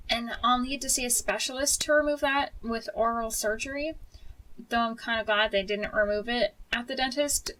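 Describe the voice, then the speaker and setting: A woman's voice: fairly high pitch, a bit bright, distant mic, low-quality recording. A woman telling a personal story as a video creator in a casual vlog style, candid and informal with a mildly wry touch.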